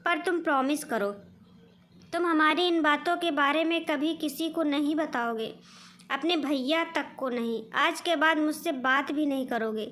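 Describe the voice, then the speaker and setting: A woman's voice: high-pitched, unhurried, fairly bright tone. A woman voicing a hurt young married woman who speaks firmly and scolds in a told story. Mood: weary. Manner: firm, scolding. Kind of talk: storybook dialogue.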